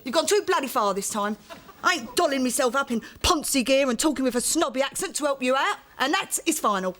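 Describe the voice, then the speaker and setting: A woman's voice: high-pitched, brisk. Brash Cockney woman. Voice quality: brash, lively, swears freely. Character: blunt stroppy working-class woman. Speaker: sitcom character. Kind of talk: studio sitcom acting. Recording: loud background noise.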